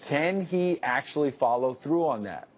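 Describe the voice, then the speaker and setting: A middle-aged man anchoring a cable news show, brisk and wry as he reads tweets and interviews a guest. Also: fairly high pitch, animated. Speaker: news host.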